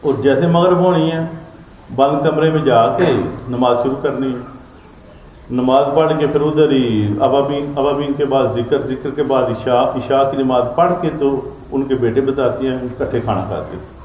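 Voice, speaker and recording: A man's voice: medium pitch, steady tone, lo-fi sound. A man telling stories about a revered elder in an earnest, reverent way, in casual spoken recollection. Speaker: storyteller recounting memories of a spiritual elder. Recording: echoey room with faint ambient noise.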